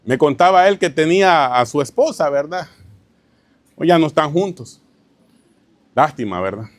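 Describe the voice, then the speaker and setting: Higher-voiced man preaching a sermon. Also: lively intonation, normal speed, dry recording. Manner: keeps asking the congregation rhetorical questions, addresses them as "hermano"; tells anecdotes with a chuckle, informal preaching. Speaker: pastor. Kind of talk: sermon teaching.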